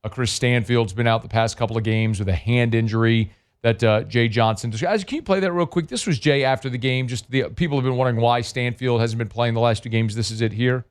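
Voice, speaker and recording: A man runs a sports talk radio show from a studio microphone. He talks energetically and conversationally, full of fillers and asides. His voice is smooth and resonant, with a middle pitch. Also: brisk.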